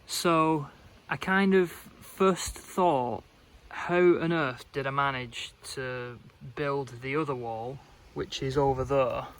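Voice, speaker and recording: Casual male vlogger, slow and halting, muddles his words, mid-range voice, outdoor site with faint noise. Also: medium pitch, fairly bright tone, low-quality recording. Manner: rambling and halting, with many fillers, self-described as muddling his words. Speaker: vlogger renovating a cottage. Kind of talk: casual chat to camera.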